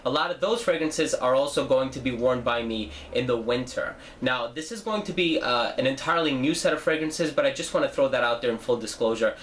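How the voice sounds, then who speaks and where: A young man from New Jersey hosts a casual fragrance review channel, his nose stuffy from a cold, chatting away with frequent fillers and self-corrections. His mid-range voice is a bit bright and a little fast, with hardly any pauses and a faint hiss or hum behind it.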